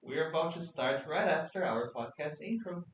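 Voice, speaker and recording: A man's voice: fairly high pitch, normal speed. A man from Brazil with a Brazilian Portuguese accent, hosting a casual interview podcast in English in a chatty, playful way with hesitant restarts. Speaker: podcast host. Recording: roomy, distant mic, faint hiss.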